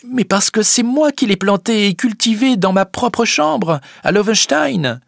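Guy putting on a young peasant girl voice, high and pleading, lively, dry sound. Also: a little slow, creaky, no room sound, heavily acted. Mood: earnest.

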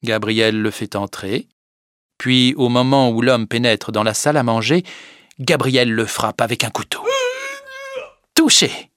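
A man narrating a story with a slow, clear, deliberate reading. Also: medium pitch, steady tone, a bit bright, dry recording, clean studio sound. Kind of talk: scripted audiobook narration.

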